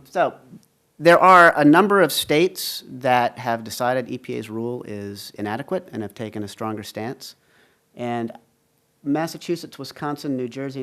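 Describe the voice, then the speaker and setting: A man giving a conference talk on a panel, walking the audience through slides in a measured way. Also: mid-range voice, bright, forceful tone. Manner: measured, explains slide graphs. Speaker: panel speaker. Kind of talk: conference presentation.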